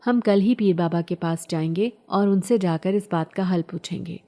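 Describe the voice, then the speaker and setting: A worried middle-aged mother, read by a woman narrator, speaking in an anxious, pleading way. The voice is soft and warm, a horror storybook parent. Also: lowish voice, close to an everyday voice.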